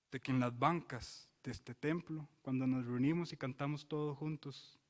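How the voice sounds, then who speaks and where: A male pastor preaching in a church sanctuary. He swings from loud, emphatic exclamations to quiet, solemn warnings and keeps asking the congregation rhetorical questions. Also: mid-range voice, long reverb tail. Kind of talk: expository sermon.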